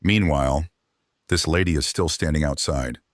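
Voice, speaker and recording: A man's voice: extremely low pitch, normal speed. A man reading scripted narration for a video. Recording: clear background noise.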